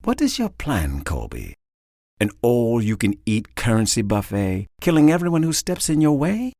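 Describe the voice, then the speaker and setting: A man voicing a calm male government agent who talks in a measured, persuasive way. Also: mid-range voice, no echo, clean studio sound.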